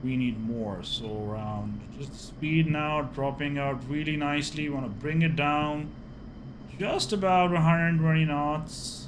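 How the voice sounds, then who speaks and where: A man's voice: on the high side, fairly even intonation, unhurried. A man giving live flight simulator airshow commentary, narrating each move in clipped phrases as he flies. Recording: clearly noisy background.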